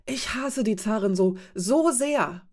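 A woman's voice: mid-range voice, moderate pace, warm tone, close to an everyday voice. A woman voicing an intense, passionate young woman. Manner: emotional, insistent. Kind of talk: audiobook character voice.

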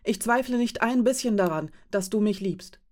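A woman's voice: mid-range voice, normal speed, mellow, natural voice. A woman voicing an intense, passionate young woman. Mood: insistent. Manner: emotional, insistent. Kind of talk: audiobook character voice.

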